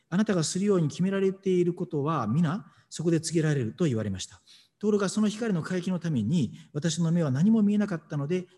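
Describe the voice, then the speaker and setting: A male pastor reading scripture and preaching, emphatic and animated, with dramatic pauses. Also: on the high side, in a large hall.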